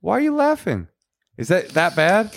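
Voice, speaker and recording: Animated American man bantering on a podcast. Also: high-pitched, moderate pace, creaky, a little hiss or hum. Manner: animated, teasing. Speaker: podcast co-host. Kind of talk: casual comic banter.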